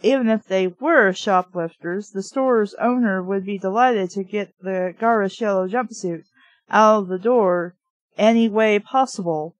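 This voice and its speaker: A woman with a mid-range voice reads a novel aloud at an unhurried pace, stopping now and then for frank, informal remarks like an amateur book reviewer, with some mild swearing. The recording is low quality but has no echo.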